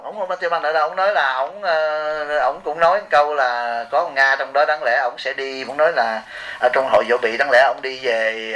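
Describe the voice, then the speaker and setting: A man's voice: mid-range voice, bright, forceful tone. A monk giving an informal dharma talk, telling rambling anecdotes and joking back and forth with his audience. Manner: rambling storytelling, bantering with the audience.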